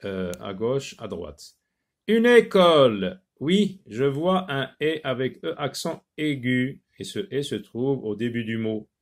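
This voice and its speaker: A man teaching a phonics lesson to children, slowly repeating each word and stressing its syllables. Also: mid-range voice, animated. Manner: slow, deliberate, repeats words syllable by syllable.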